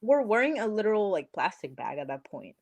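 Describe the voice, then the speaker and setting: A woman's voice: mid-range voice, very animated, a little fast, darkish tone. A young woman from Peru, talking as a podcast guest in a chatty, emphatic way, full of likes and literallys. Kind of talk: casual interview chat.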